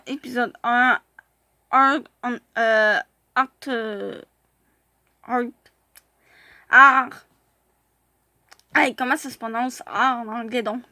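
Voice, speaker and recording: A woman's voice: a little high, bright, forceful tone, no echo. A woman chatting casually in a vlog as she reviews fan profiles, hesitating often with filler sounds and restarts.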